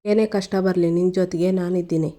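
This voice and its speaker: A firm, reassuring household matriarch, as a woman narrator puts her on, speaking low and mellow with an even melody. She sounds steady and in control of the family. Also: brisk, natural voice. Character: calm elder sister-in-law, firm and reassuring.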